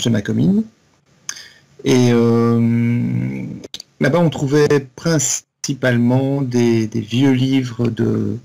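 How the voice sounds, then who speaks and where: A man, co-hosting a casual podcast chat and talking in a halting way, with many restarts. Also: medium pitch, gravelly, dark tone, breathy edge. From Belgium. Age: 40s. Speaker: podcast co-host.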